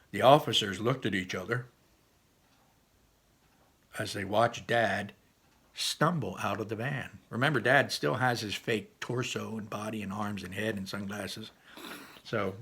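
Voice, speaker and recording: Gravelly-voiced man teaching a read-aloud lesson. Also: fairly low pitch, bright, forceful tone. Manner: chatty, explaining with asides.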